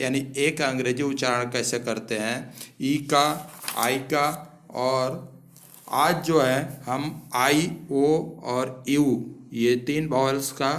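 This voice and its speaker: A man teaching English pronunciation in an online lesson, spelling out words letter by letter. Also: mid-range voice.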